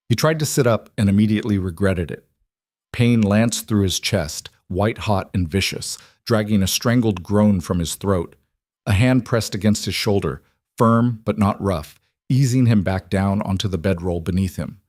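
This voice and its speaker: A man's voice: fairly low pitch, darkish tone, dry recording, studio quality. A man reading a dramatic western story as scripted narration.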